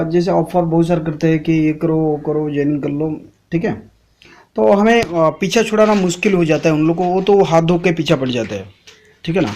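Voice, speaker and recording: A man tells his viewers a story in a loose, rambling way. He often pauses on drawn-out fillers and checks in with "theek hai." His voice sits a little high, with a faint hiss of noise behind it. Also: a little mellow. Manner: reads out chat messages aloud. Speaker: MLM channel host.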